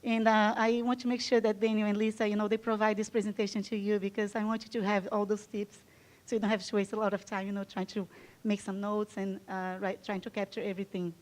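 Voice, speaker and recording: A native Portuguese speaker from Brazil gives a fast conference talk as a guest speaker before a live audience in an event room. Her voice is mid-range and darkish with a flat delivery, though her chatty talk is enthusiastic and full of fillers.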